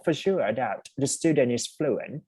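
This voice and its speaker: A man's voice: medium pitch, animated, extremely slow, dark tone, slightly rough, no echo. A Thai man coaching a student for a speaking exam, chatty and mixing English terms into his talk over a call. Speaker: IELTS speaking tutor. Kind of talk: casual one-on-one coaching.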